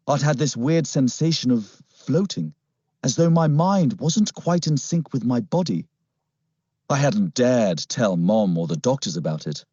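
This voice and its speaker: A man narrating a first-person story in an expressive, dramatic reading. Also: medium pitch, no echo. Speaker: audiobook narrator. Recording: slightly muffled, dry.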